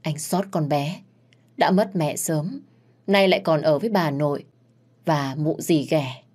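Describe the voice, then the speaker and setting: A woman storyteller narrating a family drama in a measured, sorrowful way. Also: low voice, a little mellow. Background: faint background music.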